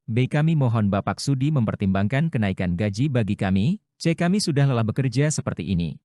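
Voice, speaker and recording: A man reading practice quiz questions and their answers aloud in a measured, steady way. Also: medium pitch, no room sound, clean studio sound.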